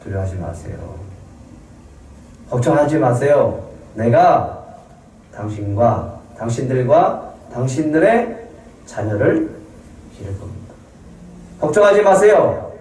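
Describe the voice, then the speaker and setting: A man acting out a gentle brother who earnestly reassures his frightened siblings. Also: mid-range voice, big pitch swings, slow, pauses often. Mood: pleading reassurance. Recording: roomy hall from a distance.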